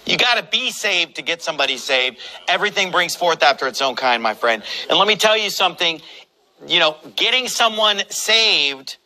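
A man's voice: high voice, expressive, moderate pace, pushed and bright, rough recording. A man pastor preaching a sermon in a combative, mocking, emphatic way.

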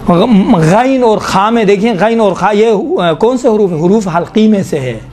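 A man teaching a tajweed lesson to a class, explaining slowly, drawing out sounds and asking his students questions. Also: sits high, expressive, a little mellow. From Pakistan. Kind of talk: classroom Quran recitation lesson.

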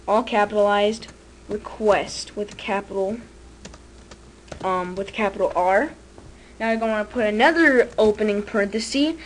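A woman with a mid-pitched voice leads a step-by-step software tutorial. She dictates code in short pieces as she types it. The recording is a noisy computer voice-over, with keyboard clicks behind her. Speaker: tutorial presenter. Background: clear noise, keyboard typing.

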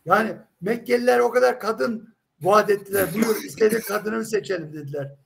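A man's voice: high-pitched, a little fast, gravelly, fairly bright tone, breathy edge. A man in a heated live religious debate, insistent and emphatic, pressing with rhetorical questions.

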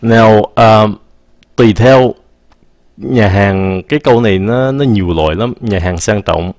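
Slow, patient man teaching. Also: fairly low pitch, a little mellow, no echo, studio quality. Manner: patient, repeats English example phrases slowly. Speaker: English teacher. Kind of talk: casual explanatory lesson.

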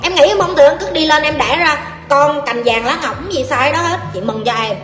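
A high-pitched woman with a Southern Vietnamese accent, a life coach on a livestream Q&A, gives blunt, forceful, scolding advice with coarse address and no softening, at a moderate pace. Her voice rings through an echoey hall with a long tail, over music and a faint hiss.

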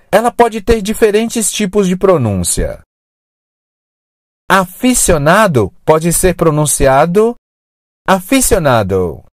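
An English teacher narrating a scripted lesson, modelling words slowly and clearly. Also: medium pitch, no room sound, studio quality. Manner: slow, clear, drawn-out word modelling.

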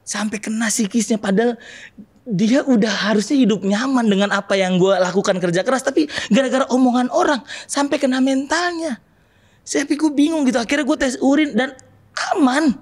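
A young man performing a stand-up comedy bit as a podcast guest, telling stories with animated delivery and shouted punchlines. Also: extremely high pitch, brisk. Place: podcast studio.

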